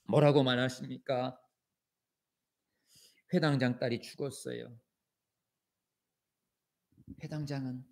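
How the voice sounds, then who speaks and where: A man's voice: mid-range voice, vocal fry, dark tone. A middle-aged male pastor preaching a sermon in a church, acting out quoted voices and raising his voice for commands. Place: church sanctuary.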